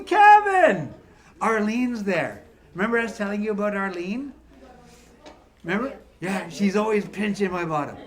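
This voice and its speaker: A high-pitched, slightly bright voice belongs to an Ontario musician in his fifties who jokes with and teases a crowd of seniors between songs.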